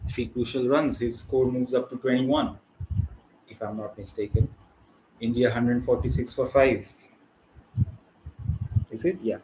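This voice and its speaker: A man hosting a live cricket watchalong, rambling and chatty with slang and sudden excited bursts over the play. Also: mid-range voice, measured pace, long pauses, background noise. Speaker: watchalong host. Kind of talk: casual live cricket commentary.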